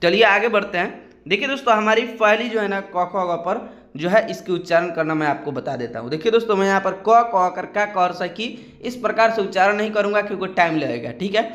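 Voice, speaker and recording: High-voiced man teaching in an echoey room. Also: animated, fairly bright tone, highs cut off. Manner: patient, drawn-out syllable drills, frequent "ठीक है ना". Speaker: Hindi teacher. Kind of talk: screen-recorded lesson.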